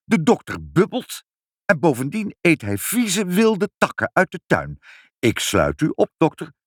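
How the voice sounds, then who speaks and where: A woman's voice: low voice, huge pitch swings, unhurried, dry recording, clean studio sound, pitched above the performer's own voice, full character voice. A man reading a storybook and voicing a fussy, easily shocked hospital nurse, who scolds and stammers when flustered. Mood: scolding.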